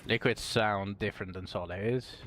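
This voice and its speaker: A man's voice: on the low side, fairly even intonation, moderate pace, fairly bright tone, a little hiss or hum. A young man streaming and chatting casually with his viewers, laughing often and talking with food in his mouth. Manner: laughs often, talks while eating.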